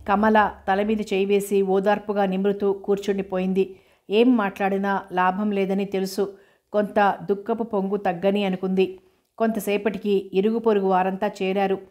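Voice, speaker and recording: A woman narrating a novel in a steady, measured reading voice. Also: medium pitch. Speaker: audiobook narrator.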